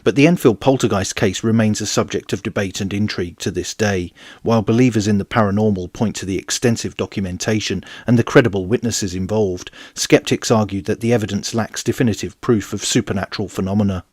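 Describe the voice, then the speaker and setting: A man in his forties giving measured, wry, scripted documentary narration as a history channel host. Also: lowish voice, a little mellow, dry recording, clean studio sound.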